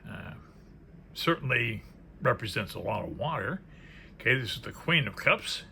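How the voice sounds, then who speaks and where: Showing a tarot card deck, a man with a lowish, creaky voice chats informally, wondering aloud and trailing into murmured asides. He's very animated, moves at a normal speed, and sounds pushed and bright. Faint background noise runs through the clip.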